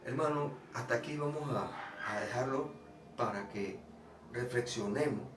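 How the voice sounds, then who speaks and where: A man's voice: mid-range voice, unhurried, background noise. Earnest male preacher in echoey room. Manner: earnest, repeats phrases, drops to soft tones for quoted speech. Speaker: lay preacher. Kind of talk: personal testimony sermon. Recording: echoey distant room with faint ambience.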